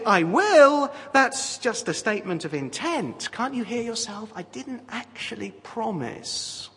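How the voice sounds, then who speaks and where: A man preaching a sermon with lively, animated delivery and wry asides. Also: sits high, husky. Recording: long reverb of a hall.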